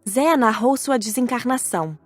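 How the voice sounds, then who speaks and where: A woman narrating an audiobook drama in a clear, even manner. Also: fairly high pitch, moderate pace, soft background music.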